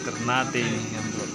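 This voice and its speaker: A miner with an Eastern Indonesian accent films on a handheld phone in a cramped underground mine tunnel, giving casual running commentary. Loud rumbling noise fills the recording.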